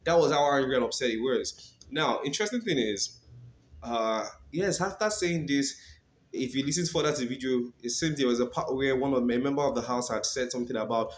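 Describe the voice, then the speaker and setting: A man's voice: mid-range voice, a little fast, reverberant. A Nigerian man hosting a legal commentary channel, talking casually and animatedly, often saying "come on".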